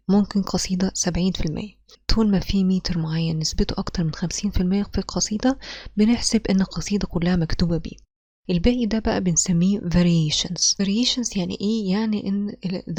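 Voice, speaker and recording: A woman with an Egyptian accent giving a literature lecture, moving between Arabic and English and reading poem lines slowly syllable by syllable. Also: medium pitch, a little mellow, no room sound. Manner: switches between Arabic and English mid-sentence, explanatory.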